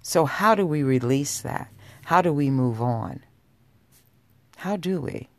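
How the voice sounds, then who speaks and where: A woman podcast host speaks in a sultry, low register with plenty of gravelly fry. She addresses her listeners directly in an unhurried, intimate monologue. The sound is dry, with no room around it. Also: animated, a little mellow, no room sound. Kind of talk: personal talk podcast monologue.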